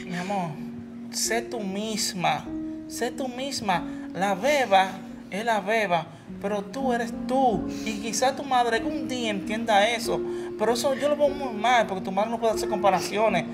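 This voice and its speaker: Casting: actress as a soft, soothing comforter, music clearly under the voice. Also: female voice, fairly high pitch, measured pace, lightly acted. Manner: soothing, tender. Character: gentle consoling partner of a sad daughter.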